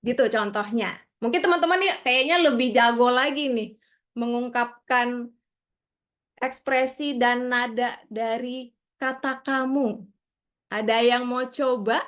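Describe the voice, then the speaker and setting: Woman teaching public speaking over a video call, high voice, friendly, keeps asking who wants to try. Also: a little slow, fairly bright tone. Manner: friendly, coaxing, calls on participants. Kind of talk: online workshop teaching.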